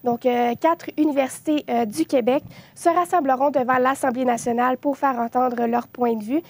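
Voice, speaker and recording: A woman's voice: high voice, steady tone, moderate pace, a little mellow. A young woman reporting on social media reactions for a news show, hesitating often with filler sounds.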